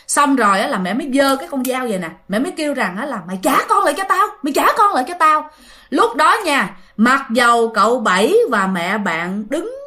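Lively Southern Vietnamese woman telling ghost stories. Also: a little high. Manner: lively, animated, talks straight to listeners. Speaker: ghost story narrator. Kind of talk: spoken ghost story telling.

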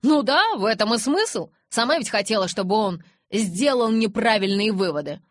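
A woman voicing a cheerful, cocky young werewolf man who talks loudly and boastfully. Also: medium pitch, expressive, normal speed, no echo, studio quality, lightly acted. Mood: cocky, breezy. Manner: cheeky, boastful, loud.

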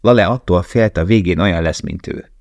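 Deep-voiced man narrating gravely. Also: darkish tone, no echo. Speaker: audiobook narrator. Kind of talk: scripted narration.

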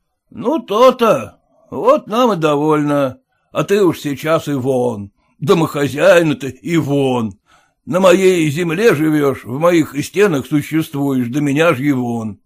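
A crude, overbearing merchant landlord drawls his words slowly and condescendingly, as a male reader acts him out. He sounds tipsy and full of himself. His voice rises and falls widely. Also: fairly high pitch, animated.

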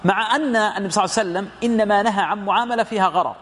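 A man's voice: sits high, rapid-fire, fairly bright tone, slight background noise. A man giving a lecture commentary on hadith as a religious teacher, explaining through rhetorical questions and retold dialogue.

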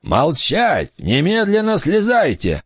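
A man's voice: high-pitched, very animated, a little slow, a little mellow, no echo, studio quality, pitched above the performer's own voice. Ishmael Hind, a man doing a blustering pirate. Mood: mocking. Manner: blustering, threatening. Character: boastful scared adult male pirate. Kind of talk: audiobook character voice.

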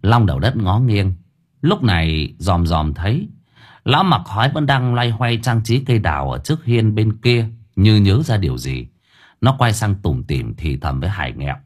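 A man's voice: on the low side, very animated, moderate pace. A man narrating a comic audio story playfully.

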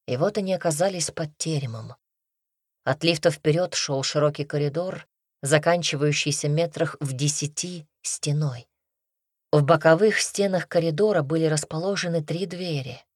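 Woman audiobook narrator, low voice, dry close sound, measured reading. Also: darkish tone, slightly rough, no room sound. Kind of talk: scripted narration.

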